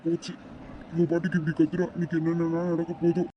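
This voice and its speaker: A worn-out, grumbling family dad in a comedy skit, voiced by a woman in a low register. He scolds and sighs his way through the squabbles. The sound is dull and lo-fi. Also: monotone, fast, slight background noise, natural voice. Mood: weary. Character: grumbling tired middle-aged father.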